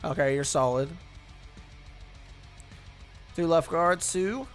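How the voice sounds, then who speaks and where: A man's voice: on the high side, slow pace, soft background music. A young man giving casual commentary over a football video game, thinking aloud and rambling with many fillers. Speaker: gaming YouTuber.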